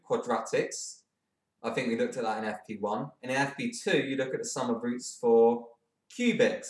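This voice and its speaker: A man's voice: mid-range voice, recorded from a distance. A man tutoring through an exam paper in a casual, thinking-aloud way, with frank asides. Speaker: maths tutor. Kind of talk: exam walkthrough lesson. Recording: echoey room, voice off-mic.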